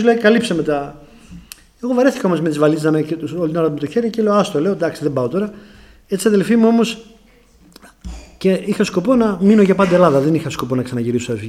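A man's voice: high voice, darkish tone. A middle-aged Greek man from Greece preaching a testimony sermon, telling a story and often calling out to the brothers.

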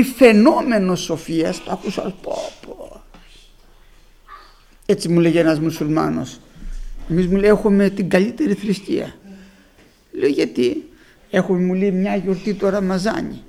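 A man's voice: extremely high pitch, vocal fry. A middle-aged man preaching a sermon to his congregation, telling stories and acting out the people he quotes. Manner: storytelling, acts out quoted speakers.

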